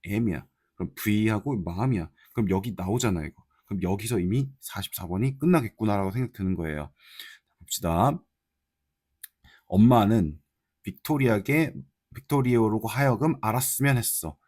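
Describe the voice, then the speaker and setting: In a lowish, slightly mellow voice with a breathy edge and lively intonation, a man runs an exam-prep English class at a moderate pace, chatting in casual Korean and reading English lines in a Korean accent. He keeps checking on his students with tag questions, and the studio sound is clean with no echo.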